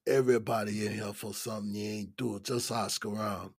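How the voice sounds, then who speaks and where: An actor playing an older male inmate in his sixties with a deep, raspy voice and a Gullah Geechee accent, speaking in a slow, easygoing drawl. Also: fairly even intonation, a little mellow, no room sound, studio quality. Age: 60s. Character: older male inmate, laid-back smoker. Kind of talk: audio drama acting.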